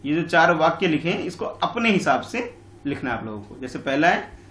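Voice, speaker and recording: A man's voice: on the high side, big pitch swings, brisk, fairly bright tone, reverberant. A male teacher giving an online school lesson. He explains patiently and repeats himself, calling his pupils "beta". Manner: patient and repetitive, calls pupils बेटा.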